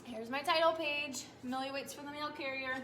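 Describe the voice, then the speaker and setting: A woman teacher reading a picture book aloud to young children, animated, stopping often to ask them questions. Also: high voice, moderate pace, a little hiss or hum.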